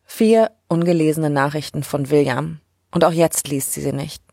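A woman recaps a series in a loose, chatty way and drops wry asides as she goes. Her voice is husky and a little breathy, and it is recorded dry and close with no room sound. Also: low voice, fairly even intonation, moderate pace, dark tone, no echo. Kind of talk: casual episode recap narration.

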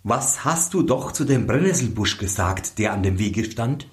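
A man's voice: fairly low pitch, lively intonation, moderate pace, natural voice. A man voicing a young prince who questions firmly and insists. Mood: suspicious.

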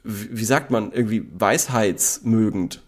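A man chatting casually about favourite words, rambling with many fillers and quick bursts of speech. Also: lowish voice. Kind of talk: casual chat.

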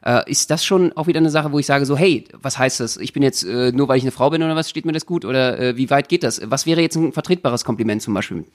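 A man's voice: medium pitch, fast talker, few pauses. A man co-hosting a podcast, asking questions hesitantly with many fillers. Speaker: podcast co-host. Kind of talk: casual chat.

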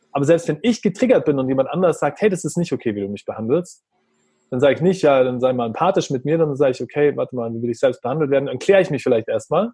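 A man with a slightly husky, fairly high voice talks earnestly in a relaxed conversation. He plays out little exchanges with his young son as he explains his view of parenting, and the recording is dry and close. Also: no room sound. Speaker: parent talking about parenting. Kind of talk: reflective conversational talk.

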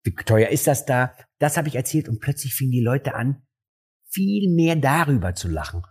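Husky comedian telling stories. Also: male voice, moderate pace. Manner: animated, acts out dialogue with jumps in pitch. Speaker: stand-up comedian. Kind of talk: casual interview storytelling.

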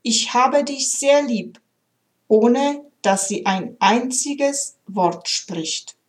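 A woman's voice: a little high, lively intonation, very slow. A woman reading aloud, voicing a patient, loving male God who explains his creation earnestly.

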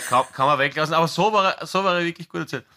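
A man's voice: fairly high pitch, racing, pushed and bright. A man, hosting a radio show, teasing his co-hosts in casual banter and often stumbling over repeated words.

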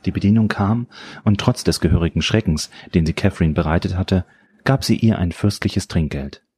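Guy reading an audiobook, low voice kinda husky, steady pace. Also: moderate pace. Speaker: audiobook narrator. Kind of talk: scripted narration.

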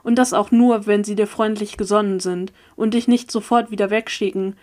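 A woman's voice: mid-range voice, steady tone, moderate pace, a little mellow, close to an everyday voice. A woman voicing a condescending male sorcerer. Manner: condescending, insistent, impatient. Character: scheming, persuasive young male sorcerer.

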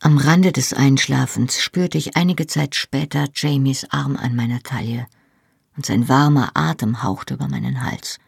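An audiobook narrator tells a first-person story in a calm, measured voice. The tone is gravelly and slightly husky, heard close and dry. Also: medium pitch, no room sound.

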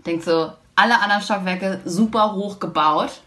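A woman's voice: medium pitch, normal speed, fairly bright tone. A woman co-hosting a casual chat podcast, telling a funny story with laughter and acting out the quoted dialogue. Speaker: podcast co-host.

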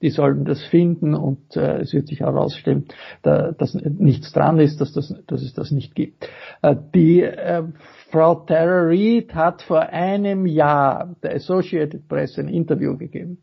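A man speaking as a guest in a political interview, halting, with many fillers and restarts. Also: fairly high pitch, fairly even intonation, vocal fry, slightly rough. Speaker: guest journalist. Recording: dull lo-fi audio.

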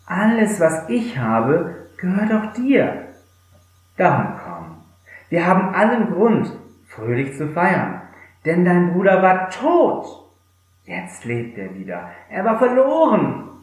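A man's voice: sits high, wildly swooping pitch, takes it slowly, voice pushed up, heavily acted. A man reading aloud who voices an old father, forgiving and joyful, recorded in a very echoey room. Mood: coaxing.

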